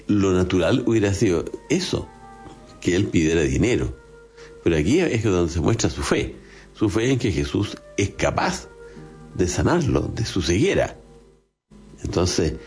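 A man's voice: sits low, darkish tone. A man with a Chilean accent giving a conversational homily, often tagging his points with short questions. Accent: Chilean Spanish. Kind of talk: homily on a gospel passage.

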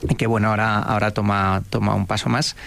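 A man's voice: fairly low pitch, little pitch movement, fast, vocal fry, fairly bright tone, no room sound. A man representing a music school, answering interview questions hesitantly with many fillers.

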